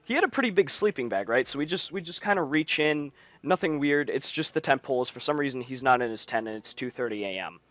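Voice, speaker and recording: A man's voice: mid-range voice, animated, fast talker, few pauses, a bit bright, dry recording. A man telling a story to friends on a stream, casual and rambling, often restarting his sentences. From United States. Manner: rambling, frequent restarts and fillers. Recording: dull lo-fi stream mic.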